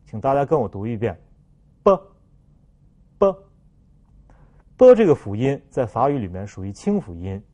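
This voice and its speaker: A man's voice: mid-range voice, sing-song. Man teaching French sounds. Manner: slow, careful explanations, then loud drawn-out example sounds. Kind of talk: language lesson, explaining and modeling sounds.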